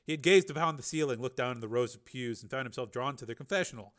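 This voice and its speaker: A man narrating a novel as an audiobook, steady storytelling with occasional small slips. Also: mid-range voice, fast talker.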